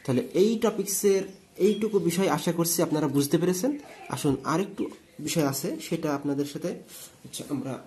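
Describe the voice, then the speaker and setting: Mellow-voiced man teaching a language lesson. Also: a little high, a little fast. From Bangladesh. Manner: explains step by step, asks and answers own questions.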